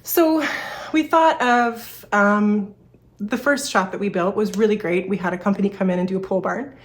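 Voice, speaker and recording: Talking to camera in her personal vlog, a furniture repair shop owner from Canada, in her 30s, speaks at a moderate pace in a mid-range voice. Slightly breathless, she rambles candidly, restarting often and using lots of fillers.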